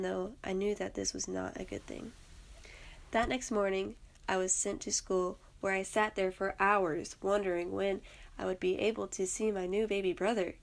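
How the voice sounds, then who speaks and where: Young woman reading a story, gravelly. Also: mid-range voice. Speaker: student narrator. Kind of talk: personal story read aloud.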